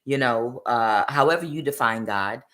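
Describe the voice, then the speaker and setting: Very low-voiced woman reading tarot. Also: normal speed, a bit bright. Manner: rambling, many "uh" fillers, acts out quoted voices. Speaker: tarot reader. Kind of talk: spiritual tarot reading monologue.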